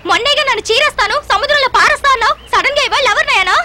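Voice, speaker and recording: A woman's voice: extremely high pitch, very fast. An actress playing a defiant, taunting young woman in a dubbed film. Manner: taunting and sharp-tongued. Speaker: film character.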